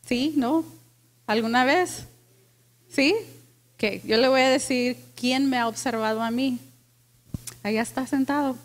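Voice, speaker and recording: High-voiced woman pastor preaching. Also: a little slow, pauses often. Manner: lively, asks the congregation questions, mixes in English phrases. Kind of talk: sermon. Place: church with congregation.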